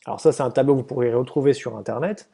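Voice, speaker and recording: Homme, présentation de diapos, ton explicatif et détendu, voix rocailleuse, hésitations fréquentes. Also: male voice, mid-range voice, rapid-fire, gravelly, mellow, breathy edge. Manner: hesitant, many fillers and restarts; casual explanatory tone. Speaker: presenter briefing volunteers. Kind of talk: explanatory slide presentation.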